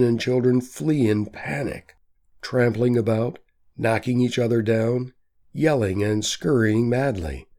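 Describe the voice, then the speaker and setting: A man reading a story aloud as an audiobook narrator, in a measured, steady manner. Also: medium pitch. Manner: slow, measured reading with quietly voiced quotes. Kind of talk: scripted narration.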